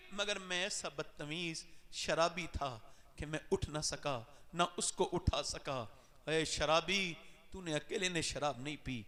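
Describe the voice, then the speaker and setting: A man preaching an emotional sermon, his voice swinging sharply from loud cries to low, hushed passages. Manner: impassioned, sweeping swings in pitch and loudness. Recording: long reverb of a large hall.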